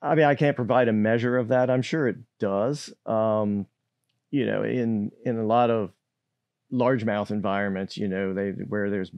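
An older man who manages state fisheries gives careful, measured answers in a podcast interview, hesitating with many fillers and restarts. Recorded in an indoor studio on a boom-arm mic, his voice is on the low side, fairly even and darkish, with no room sound and lo-fi quality.

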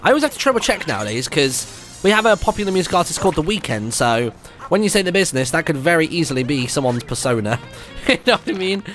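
A young British streamer talks through his gameplay for viewers, casual and chatty, thinking aloud as he plays. His voice is on the high side and a bit bright, with big pitch swings and a quick pace. He's close on a stand-mounted mic in a home streaming room, with video game music behind him.

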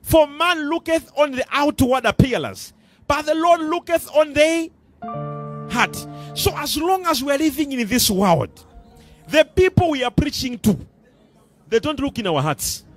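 A man's voice: very high voice, expressive, unhurried, faint music behind. A middle-aged man with a Malawian accent preaching a sermon on a church stage into a handheld mic, emphatic and repeating his phrases. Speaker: pastor.

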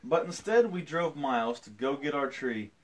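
Playful dad in his 30s reading a kids book on a stream, super lively bouncy pitch, little jokes in between. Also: normal speed. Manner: playful, breaks off for jokey asides; swings pitch widely, jumps high for quoted voices. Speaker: father reading to his daughter. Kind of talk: live-streamed storybook reading.

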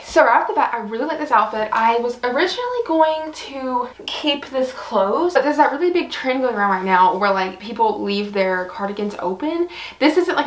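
Young girl vlogging outfits, bit high voice, giggly, lots of likes and um, kinda out of breath. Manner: bubbly, giggly, lots of fillers like "like" and "I don't know". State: a little out of breath. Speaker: fashion vlogger. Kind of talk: casual chatty try-on vlog.

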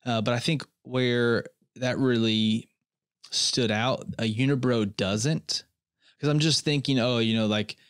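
A man's voice: medium pitch, steady tone, a little slow, clean tone, no room sound, studio quality. A young man hosting a comedy podcast, rambling in a mock-earnest way and often restarting his sentences. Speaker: podcast host. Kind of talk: comedic solo podcast monologue.

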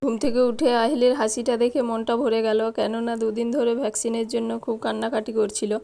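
A young woman, a mother narrating a casual home vlog and coaxing her baby in a loud sing-song. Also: on the high side, little pitch movement, fast talker. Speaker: vlogger mother. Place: home bedroom. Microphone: phone camera. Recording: home video with clear background noise.

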